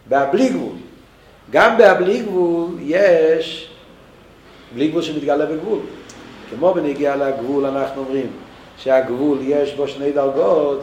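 Man, Torah teacher, high voice, roomy echo, halting restarts. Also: a little mellow, slight background noise. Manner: thinks aloud with many restarts.

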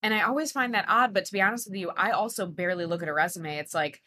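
Bright-voiced chatty woman host. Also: medium pitch, quick pace. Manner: chatty, laughs easily, lots of fillers. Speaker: podcast host and bartender. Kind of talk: casual interview chat.

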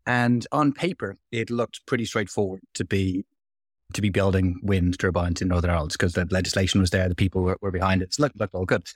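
A man answering interview questions about his energy business, quick and repeating words as he explains. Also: deep voice, steady tone, dry recording, clean studio sound. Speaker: podcast guest, renewable energy developer.

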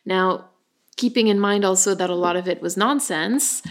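A woman's voice: mid-range voice, moderate pace. A woman co-hosting a podcast in casual chat, chatty and laughing often. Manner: chatty, laughs often, animated when joking. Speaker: podcast co-host.

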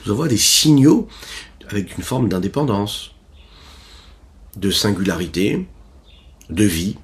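A rabbi teaching a Torah lesson, telling a parable with pauses and restarts. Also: male voice, lowish voice.

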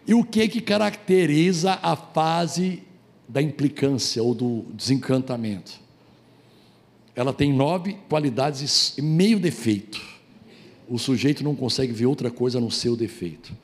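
A middle-aged man, preaching a lively sermon on marriage, joking with the audience and acting out quotes. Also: medium pitch, a little slow. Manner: animated, acts out quotes, jokes with audience. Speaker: pastor.

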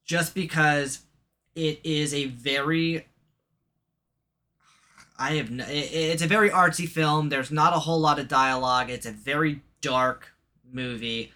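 Male co-host, bright, sharp voice, relaxed and sweary, quick to agree. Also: on the high side. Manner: profane, laid-back, lots of short agreements. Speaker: podcast co-host. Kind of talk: casual chat.

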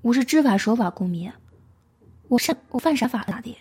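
A woman's voice: fairly high pitch, animated, brisk, darkish tone, breathy edge. A woman voicing a blustering pickpocket man in his thirties with a Northeastern Chinese accent, defensive and playing dumb.

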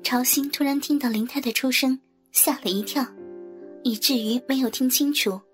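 A woman narrating an audio story in a soft, even reading voice. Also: high-pitched, moderate pace. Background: faint music.

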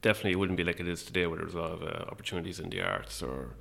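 A man with an Irish midlands accent talking casually and a little hesitantly as an interview guest, in a low-key, wry way. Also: sing-song, racing, vocal fry, fairly bright tone. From Longford, Irish midlands.

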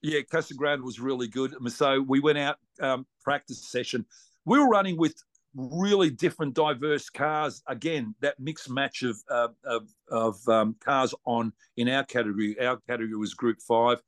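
A man's voice: medium pitch, moderate pace, fairly bright tone, no room sound. Male, Australian, racing driver guest. Casual, slangy, blunt chat with a mid-range voice.

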